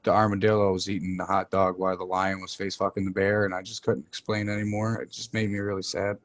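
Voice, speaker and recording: A man with a lowish voice talks in a rambling, laid-back stoner manner. He sounds like a casual podcast co-host who swears freely. The sound is dry, with little room around it. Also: little pitch movement, fast talker, no room sound. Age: adult, parent of young child. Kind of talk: casual podcast banter and storytelling.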